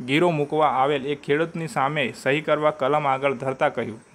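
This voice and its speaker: A man reading a short story aloud in a measured way, sometimes stopping to restart a word. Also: fairly high pitch, fairly even intonation, a bit bright.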